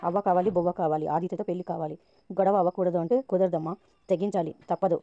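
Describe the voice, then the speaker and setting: A woman's voice: on the low side, steady tone, fast, dark tone, dry recording, muffled recording, close to an everyday voice. A woman narrator reading the lines of a scheming, sarcastic young woman. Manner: sarcastic and goading.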